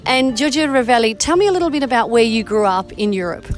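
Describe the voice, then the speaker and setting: A woman hosting a podcast, her voice sitting a touch higher than most. She talks in a chatty, eager rush and keeps jumping in on her guest. Faint music plays softly behind her. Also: lively intonation, fast talker. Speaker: podcast host. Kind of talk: casual podcast interview.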